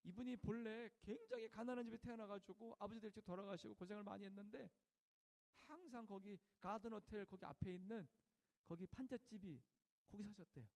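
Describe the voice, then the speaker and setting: Middle-aged male pastor, very high voice, animated sermon with acted-out prayers. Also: gravelly, long reverb tail. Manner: animated preaching, acting out prayers with raised voice and slowing down; asks the congregation questions and has them repeat after him.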